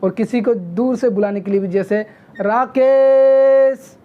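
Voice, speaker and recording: A woman teaching a video grammar lesson, who often checks in with "okay?" and sounds out vowels slowly. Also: mid-range voice. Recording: dull lo-fi recording.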